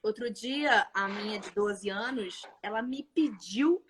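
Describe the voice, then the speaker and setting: A middle-aged mother in a casual live chat, telling animated stories about her daughters. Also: medium pitch, measured pace, slight background noise. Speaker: guest.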